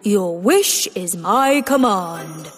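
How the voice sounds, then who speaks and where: A woman voicing a magic lamp engine spirit who speaks slowly and solemnly. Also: lively intonation, faint music behind. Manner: slow, solemn, booming.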